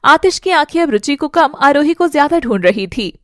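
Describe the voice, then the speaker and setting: Expressive woman narrating a drama. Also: high voice, normal speed, dry recording, clean studio sound.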